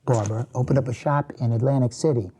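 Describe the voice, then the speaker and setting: An older man with an American accent tells his memories for an oral history interview. His voice is dark and mellow. He rambles and often stops to restart a thought. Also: medium pitch, slightly rough. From born in England, raised in the US. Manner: rambling, halting reminiscence with many restarts. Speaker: interviewee, retired teacher.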